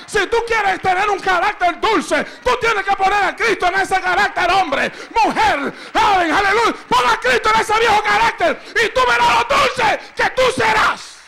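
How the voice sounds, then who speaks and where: A male preacher giving a fervent Spanish sermon, often shouting and dropping in short English phrases. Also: very high voice, normal speed, vocal fry, hardly any pauses, slight background noise.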